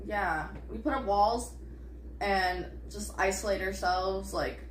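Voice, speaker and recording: A young woman co-hosting a casual chat podcast, ranting excitedly with lots of "like" fillers. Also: mid-range voice, slow. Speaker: podcast co-host. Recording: echoey room with faint hiss.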